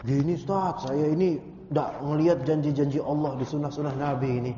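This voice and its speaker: A man voicing an eager male congregant who excitedly gushes about the rewards of dawn prayer, in a lecture recording. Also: on the high side, a little fast, slight background noise, natural voice. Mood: gushing. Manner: excited, gushing. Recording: echoey hall, dull lo-fi sound.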